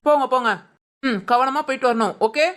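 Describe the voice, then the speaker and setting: A man's voice: very high voice, a little fast, a bit bright. A man playing a stern but kindly office boss in a village web drama.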